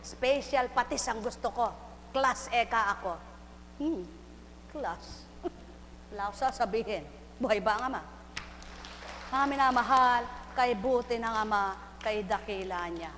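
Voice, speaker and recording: A woman preaching a live sermon, fervent and full of refrains, moving from soft confession to loud exhortation. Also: on the high side, expressive, unhurried, long pauses. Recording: hall reverb, faint hum.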